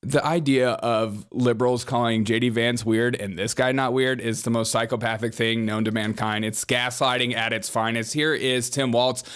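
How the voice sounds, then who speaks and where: A man hosting a political commentary show, sarcastic, mocking and energetic. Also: mid-range voice, moderate pace, hardly any pauses, clear, resonant tone. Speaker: host.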